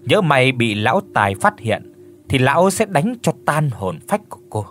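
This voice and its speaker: A man narrating a ghost story in an expressive, dramatic storyteller style. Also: mid-range voice, moderate pace.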